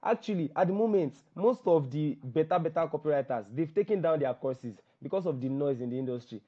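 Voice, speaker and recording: Fast-talking man teaching on a video call. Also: on the high side, animated, muffled recording. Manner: fast, repeats phrases. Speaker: guest copywriting teacher. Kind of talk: online class Q&A.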